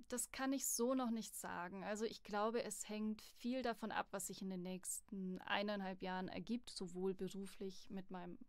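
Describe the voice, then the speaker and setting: A young woman who is a voice acting student appears as a guest on a casual podcast interview in a studio at a music academy. She tells her story candidly and with plenty of life, chatty and lively, in a smooth mid-range voice. The sound is dry and close with no room echo, like a small podcast studio.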